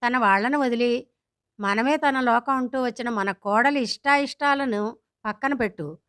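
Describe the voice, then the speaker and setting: A woman's voice: fairly high pitch, moderate pace, fairly bright tone, clear, resonant tone, dry recording, clean studio sound, lightly acted. Woman voicing a firm old father-in-law. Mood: stern. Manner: firm, lecturing. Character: stern retired father-in-law, elderly man.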